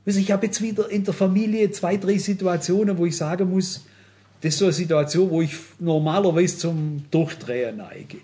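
Earnest preacher, higher voice. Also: male voice, brisk, mellow. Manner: earnest, addresses listeners directly, frequent "wisst ihr". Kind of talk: sermon.

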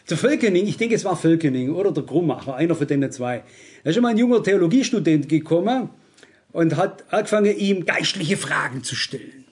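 A man's voice: a little high, animated, brisk. A middle-aged man preaching a sermon, emphatic and turning to his listeners with rhetorical questions.

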